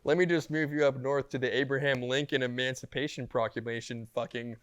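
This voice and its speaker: A young man co-hosting a podcast, rambling through deadpan jokes in casual chat and swearing often. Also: mid-range voice, fairly quick, smooth. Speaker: podcast co-host.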